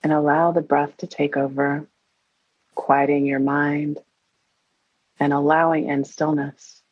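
Slow, airy, breathy woman guiding meditation. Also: deep voice, flat delivery. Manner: soothing, hushed, unhurried delivery with long pauses. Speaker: meditation and Reiki guide. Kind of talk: guided meditation. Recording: roomy, dull lo-fi sound.

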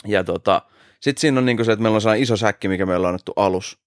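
A man's voice: fairly low pitch, smooth, no room sound, studio quality. A man in his late twenties, a podcast host, telling an anecdote in casual chat, swearing freely and laughing as he goes. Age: 20s.

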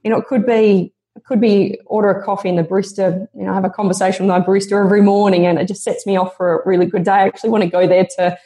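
A woman's voice: mid-range voice, level tone, very fast, hardly any pauses, mellow. A woman guest on a podcast interview, speaking in an earnest, motivational and reflective way.

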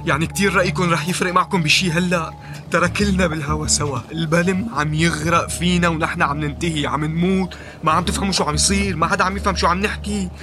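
A man's voice: on the high side, fairly even intonation, fast, over music, natural voice. A man playing a frantic Syrian passenger warning that the boat is sinking, with a Syrian Arabic accent. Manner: frantic, scolding.

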